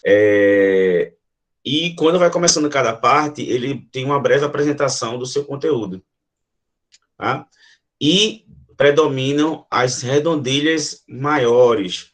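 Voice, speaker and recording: A man's voice: mid-range voice, slow. A Brazilian man gives a literature lesson in a mid-range voice. He explains step by step, with many fillers and frequent check-ins with his students. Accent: Brazilian Portuguese. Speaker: teacher.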